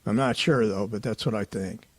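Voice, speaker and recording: A man hosting a paranormal investigation show, giving a casual voice-over recap in a relaxed, conversational way and often hedging his opinions. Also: fairly low pitch, moderate pace, noisy background.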